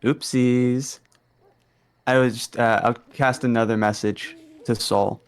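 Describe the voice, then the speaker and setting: A man's voice: mid-range voice, fairly even intonation, slow pace, smooth. A man playing a tabletop game with a dry, sarcastic delivery. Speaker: player. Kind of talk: casual tabletop play.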